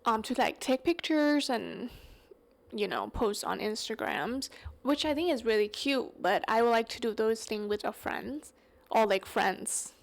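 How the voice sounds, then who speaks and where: A young Thai woman hosts a solo podcast in English, her second language, speaking with a Thai accent. Her voice is a little high with lively intonation and some vocal fry, and she rambles casually at an unhurried pace, full of fillers and self-corrections.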